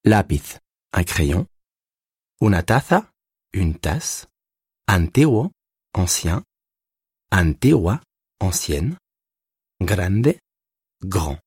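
A man narrating a recorded language lesson, explaining grammar rules with slow, deliberate pauses between words. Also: low voice, sing-song, a little mellow, breathy edge, dry recording, studio quality. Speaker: language teacher.

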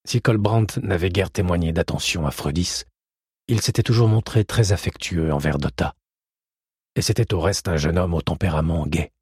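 A man narrating a historical adventure audiobook in a steady, measured storytelling manner. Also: low-pitched, slightly rough, dry recording, clean studio sound. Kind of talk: scripted narration.

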